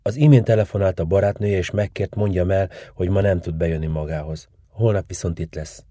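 A man reading the part of a kind older hospital nurse in a storybook, speaking softly and reassuringly with a dry, close sound. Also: low voice, fairly even intonation, no room sound. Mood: soothing. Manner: soft, soothing, reassuring. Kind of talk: audiobook reading.

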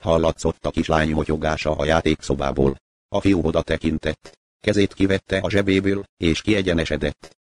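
A man reading a literary short story aloud in a measured, even narrating voice. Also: very deep voice.

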